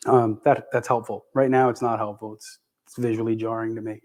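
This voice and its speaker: This conference speaker demos tech live for an audience, chewing gum the whole time. His voice is fairly low and darkish, flat in delivery and brisk, and his talk is casual, profane, and cluttered with fillers and restarts.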